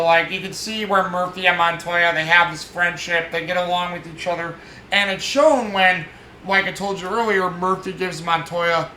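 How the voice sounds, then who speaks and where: A man's voice: fairly high pitch, bright, forceful tone. A man hosting a casual movie review, rambling with many fillers and restarts as he retells scenes. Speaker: movie podcast host. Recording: echoey room with faint noise.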